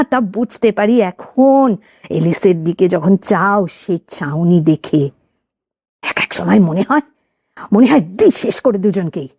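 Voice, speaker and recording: A woman's voice: mid-range voice, dark tone, dry recording. A woman voicing the bitter, vengeful ghost of a jilted woman who speaks in a cold, hissing, taunting way, in an audio story.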